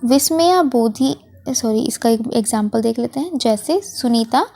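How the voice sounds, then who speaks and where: A woman's voice: on the high side, expressive, vocal fry, dark tone. A woman teacher, patiently explaining a worksheet lesson to children and correcting herself as she goes. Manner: patient, explains slowly, frequent self-corrections.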